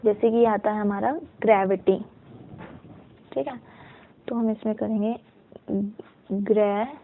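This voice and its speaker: A woman's voice: mid-range voice, fairly even intonation, vocal fry, a little hiss or hum. A woman teaching a shorthand lesson, patiently sounding out words syllable by syllable, mixing in English terms and often checking in with the class. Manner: slow and patient, checks in with "ठीक है"; mixes Hindi with English terms. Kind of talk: step-by-step lesson. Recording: tinny narrow-band audio.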